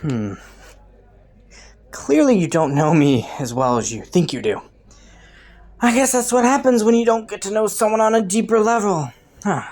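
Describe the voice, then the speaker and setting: In an audio roleplay drama, a woman plays a clever, flirty underworld rogue, teasing and taunting a detective with sardonic, sultry playfulness in an intimate monologue to the listener. Her mid-range voice swings widely in pitch, moves at a moderate pace with long pauses, and has a darkish tone close to her everyday speech.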